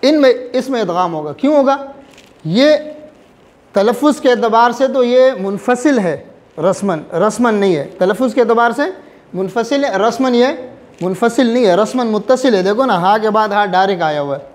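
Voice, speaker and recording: A man teaching a recitation class, drilling his students with repeated check questions and reciting examples slowly, letter by letter. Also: high voice, lively intonation. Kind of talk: classroom lesson.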